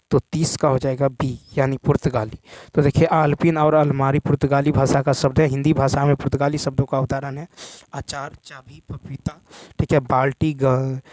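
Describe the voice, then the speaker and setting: A man's voice: mid-range voice, a little mellow, dry recording. A man teaching an exam-prep lesson, working through practice questions and repeating "thik hai" as he goes. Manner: repetitive, says "thik hai" often.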